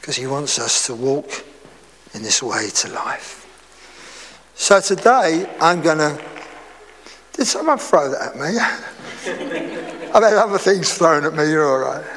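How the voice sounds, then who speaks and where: High-voiced preacher in an echoing hall. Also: male voice, lively intonation, takes it slowly, pauses often, a bit bright. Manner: conversational preaching with chatty asides and humor. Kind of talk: sermon. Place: church hall before a congregation. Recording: reverberant hall.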